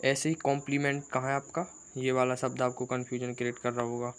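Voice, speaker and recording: A man runs an exam-prep vocabulary lesson. He talks in a chatty, teasing way, firing off long lists of synonyms at a middling pitch. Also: completely flat delivery, quick pace, smooth. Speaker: vocabulary teacher.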